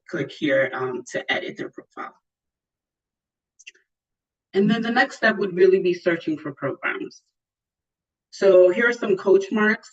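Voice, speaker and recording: A woman walks listeners through an online application, her speech muffled as if coming through a wall. She sits back from a built-in computer mic, so she sounds distant and dull. She explains steps with frequent ums. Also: sits low. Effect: muffled, as if heard through a wall. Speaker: presenter demonstrating an online school application. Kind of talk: walkthrough presentation on a video call. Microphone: built-in computer mic on a video call, no headset.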